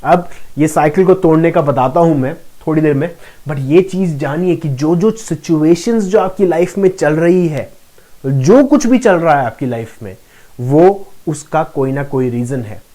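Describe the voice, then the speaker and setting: Speaking to camera in Hindi sprinkled with English phrases, a law of attraction coach gives a motivational self-help lesson, steadily explaining and repeating key lines for emphasis. His warm, fairly high voice is animated but unhurried.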